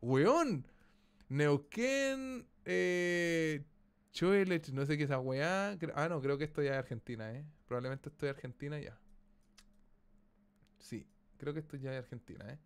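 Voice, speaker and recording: A man with a Chilean accent giving live gameplay commentary as a streamer, excitable, exclaiming and swearing casually. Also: on the high side, measured pace, clear, resonant tone.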